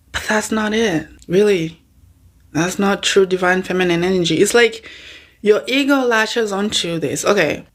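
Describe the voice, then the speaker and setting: A woman speaking as a spiritual coach, teaching informally in an emphatic, conversational way and drawing out key words. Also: on the low side. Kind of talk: informal spiritual teaching talk to an online audience.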